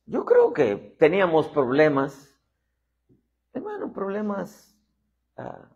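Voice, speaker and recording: Preaching as an apostle, a man acts out voices animatedly and keeps saying "hermano" to the listeners. His voice is fairly high, slow, and husky, and the sound is lo-fi.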